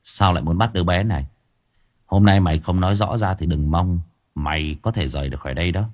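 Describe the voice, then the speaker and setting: A man doing a cold, low exorcist master. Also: lively intonation, normal speed, slightly rough. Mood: cold menace.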